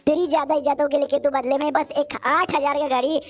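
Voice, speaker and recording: A woman's voice: high-pitched, flat delivery, fast talker. A woman narrating an anime recap in a casual, chatty way full of slangy asides.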